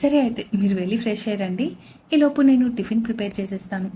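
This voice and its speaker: A woman voicing an innocent young wife who speaks softly and pleadingly in a storybook reading. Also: medium pitch, fast, slight background noise, lightly acted. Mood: happy.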